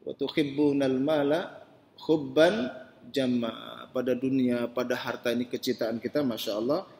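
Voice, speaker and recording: A man preaching a mosque sermon, chatting with the congregation and asking them questions, swinging from quiet asides to loud emphatic rises. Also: mid-range voice, a little slow, creaky. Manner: conversational, asks the men in the congregation questions directly. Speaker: ustadz preacher. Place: mosque hall. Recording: echoey mosque hall, voice distant.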